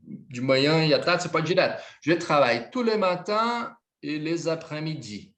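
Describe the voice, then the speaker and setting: A man's voice: on the high side, big pitch swings, moderate pace, fairly bright tone. A male French teacher with a Brazilian accent, whose first language is Portuguese, giving a live online lesson and patiently explaining grammar while he switches between French and Portuguese.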